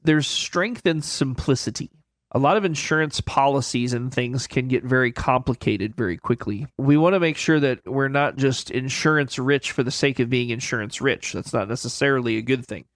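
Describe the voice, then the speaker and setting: A man of middle pitch explaining retirement money matters in a plain, folksy way, circling back to repeat his points. His voice is close and dry in a studio. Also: moderate pace, fairly bright tone, dry recording. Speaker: financial advisor guest. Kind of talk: conversational expert explanation.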